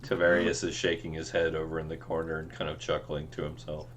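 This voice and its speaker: A man running a tabletop game as game master, narrating scenes in a slow, dramatic way. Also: extremely low pitch, completely flat delivery, a little hiss or hum.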